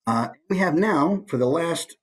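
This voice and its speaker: Pitched a little high and paced a little slow, a male voice actor delivers an informal instructional talk. He's animated and demonstrates his points vocally.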